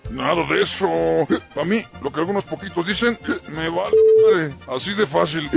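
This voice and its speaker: A gravelly, crude old Mexican politician. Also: male voice, on the high side, moderate pace, soft background music. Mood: blustering. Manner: gruff, crude, blustering. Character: crude bigoted older male politician, gruff. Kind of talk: radio comedy sketch. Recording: lo-fi radio broadcast.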